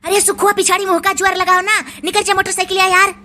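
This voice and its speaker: A woman doing a squeaky, fast bossy village man. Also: level tone, sharp tone, slight background noise. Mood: urging. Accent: Awadhi. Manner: bossy, urging. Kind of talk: cartoon voice acting.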